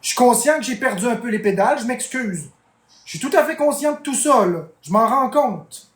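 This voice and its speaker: A man's voice: very high-pitched, lively intonation, a little fast, a bit bright, reverberant. A man with a Québécois French accent, a streamer venting in a heated, swearing rant at his chat. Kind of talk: angry livestream rant.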